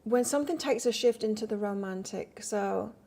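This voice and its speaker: A tarot reader from the north of England, with a gravelly, mellow, mid-range voice, talks at a normal pace. Her accent combines northern English and Australian. In a casual live-stream reading she rambles chattily, talking with her viewers between cards.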